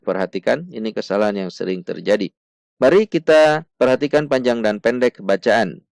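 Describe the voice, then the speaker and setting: A man teaching Quran recitation in a slow step-by-step lesson, patiently repeating each syllable, contrasting right and wrong sounds and chanting verses melodically. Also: fairly low pitch, animated, gravelly, darkish tone, no echo.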